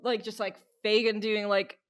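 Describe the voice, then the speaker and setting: A woman's voice: medium pitch, level tone, normal speed, fairly bright tone. A woman co-hosting a podcast, chatting casually and peppering her sentences with "like" and restarts. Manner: chatty, full of "like" fillers and restarts. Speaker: podcast co-host. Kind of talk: casual chat.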